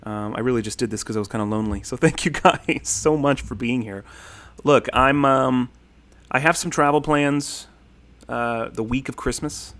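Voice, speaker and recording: An easygoing male stream host in his thirties reads comments during a casual livestream, rambling in a friendly way with many ums and thank-yous. His mid-range voice is fairly bright and moves at a normal speed.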